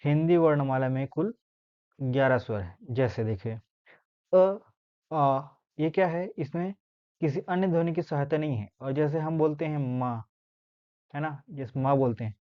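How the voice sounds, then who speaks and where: A male teacher giving a grammar lesson, explaining step by step and slowly sounding out letters, often checking in with his listeners. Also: on the high side. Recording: dull lo-fi sound.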